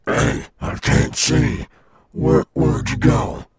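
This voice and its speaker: A man playing a cool, swaggering animatronic alligator rockstar in an ASMR roleplay, gravelly and coaxing, as if talking to a child. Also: a little mellow, dry recording, natural voice. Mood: coaxing, searching. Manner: slow, coaxing, addressing a child listener. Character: cool, swaggering male animatronic alligator rockstar guarding his golf course.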